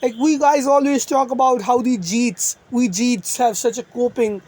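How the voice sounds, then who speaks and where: A young adult rants through an online commentary, sarcastic and profane. The delivery rambles with restarts and asides at a middling pitch. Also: fairly even intonation, normal speed, a little mellow. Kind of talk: ranting commentary vlog.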